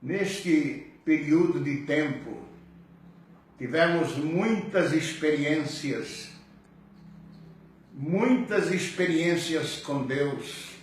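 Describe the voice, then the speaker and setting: An older man, a pastor, telling his personal testimony in a slow, earnest way. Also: fairly high pitch, animated, slight background noise. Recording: very echoey, distant mic.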